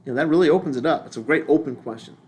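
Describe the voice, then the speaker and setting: A man's voice: on the high side, very fast, a little mellow. An older man teaching a lay ministry class in a casual, rambling way, often restarting his sentences.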